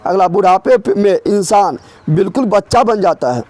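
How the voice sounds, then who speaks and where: A man's voice: high voice, animated, normal speed, a little mellow. A man teaching an exam-prep grammar lesson, drilling students with repeated questions and teasing them. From Bihar.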